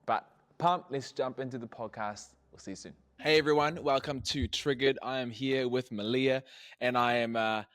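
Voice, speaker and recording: A man's voice: medium pitch, normal speed, fairly bright tone. A man hosting a casual podcast interview, upbeat and enthusiastic, with lots of fillers and laughter. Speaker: podcast host.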